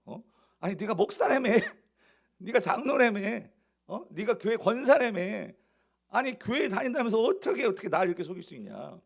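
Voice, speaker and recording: A male pastor voicing an ancient king who angrily rebukes someone with rapid-fire questions. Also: high voice, big pitch swings, creaky, voice pushed up, full character voice. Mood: indignant scolding.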